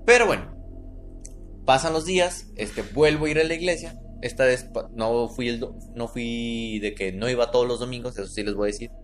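A man's voice: mid-range voice, normal speed, soft background music. Mexican man telling a spooky story. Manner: tells a spooky tale, checking in with "¿no?" and "¿verdad?". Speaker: podcast storyteller. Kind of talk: casual storytelling chat.

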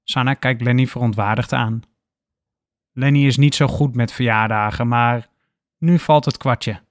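A man narrating a scripted story in a calm, even storytelling manner. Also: medium pitch, measured pace, no room sound, studio quality.

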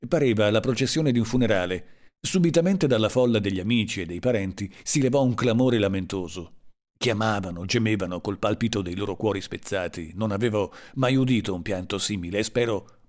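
A man reading a literary story aloud in a slow, dramatic and measured way. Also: lowish voice, darkish tone. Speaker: audiobook narrator. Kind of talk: scripted literary narration.

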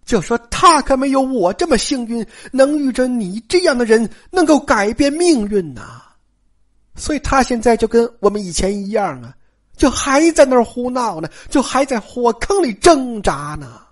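Worried, pleading young wife, soft and coaxing, as a storyteller puts her on, lively pitch. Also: moderate pace.

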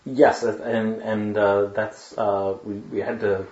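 A man chatting as co-host over a video call, his voice boxed in as if he were inside a tin can. The audio is hollow and echoey, with a dull, muffled top end, and his pitch sits a little low. He talks haltingly, with plenty of fillers and restarts. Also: flat delivery, a little mellow, slight background noise. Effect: sounds like he is inside a tin can over a video call. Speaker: podcast co-host. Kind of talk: casual podcast chat.

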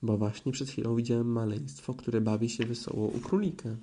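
A man voicing a sensible young boy in a storybook, speaking calmly and plainly. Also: mid-range voice, brisk, lightly acted.

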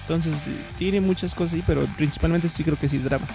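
A man's voice: a little high, vocal fry, darkish tone, soft background music. A man with a Mexican Spanish accent, chatting casually and profanely about TV series he recommends. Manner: slangy and profane, slow and deliberate when recommending. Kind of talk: casual chat reviewing TV series.

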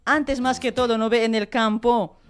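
A woman's voice: on the high side, fairly even intonation, moderate pace. A woman hosting a radio show, chatting, laughing, sending greetings and reading sponsor ads. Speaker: radio host. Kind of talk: lively radio chat and live ads. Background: music in the background.

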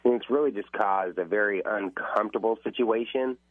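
A man talks through a telephone line, and the sound is narrow and tinny. His voice sits a little low and sounds close and dry. He rambles hesitantly through his question and fills pauses with uh and um. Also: no echo. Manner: hesitant, rambling, with many fillers. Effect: heard through a telephone line. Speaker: caller to a radio advice show. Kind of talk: phoned-in question.

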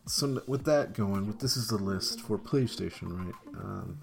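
A young man with a low, gravelly voice talks casually as a podcast co-host. He hesitates with fillers and teases his co-host. Clear music plays behind him. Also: moderate pace. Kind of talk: casual chat.

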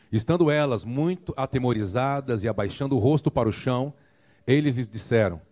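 A man's voice: medium pitch, darkish tone. A Brazilian man preaching a sermon as a pastor, emphatic and calling for amen, sometimes acting out voices with humor. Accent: Brazilian Portuguese. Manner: acts out voices and jokes playfully. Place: church.

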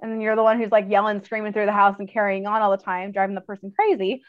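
A woman's voice: medium pitch, steady tone, fast talker, no echo. A woman who trains dogs, speaking as an interview guest in a casual, chatty way, full of fillers and laughter, on slightly dull audio.

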